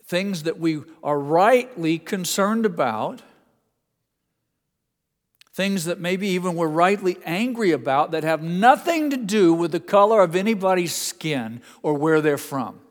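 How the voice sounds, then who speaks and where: A pastor with an Indiana accent preaches to his congregation, earnest and conversational, dropping in folksy asides. His voice is high-pitched, expressive and a little slow. The church sanctuary gives the recording a long hall reverb.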